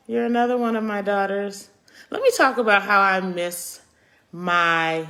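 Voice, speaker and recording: Middle-aged lady doing a live chat, blunt opinions, gets choked up and emotional talking to viewers. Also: mid-range voice. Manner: opinionated, reacting to viewer comments. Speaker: host of a live chat show. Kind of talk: casual live-stream chat.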